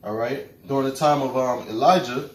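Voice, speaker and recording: A man's voice: mid-range voice, fairly quick. Rambling man chatting in an echoey room. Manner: rambling, repeats words and fills with "man". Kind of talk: casual religious talk. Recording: roomy, distant mic with faint noise.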